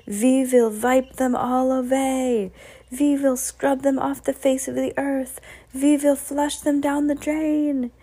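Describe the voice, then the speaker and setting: A woman voicing an imperious, hateful Grand High Witch from a children's storybook, with slow, emphatic, thundering delivery. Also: little pitch movement, warm tone. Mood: hateful, commanding.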